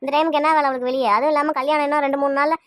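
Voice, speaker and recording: A woman's voice: high-pitched, little pitch movement, close to an everyday voice. A woman acting as an anxious mother worried about her missing daughter, firing off pleading questions in an amateur family web drama. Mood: alarmed. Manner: rapid pleading questions, fretful.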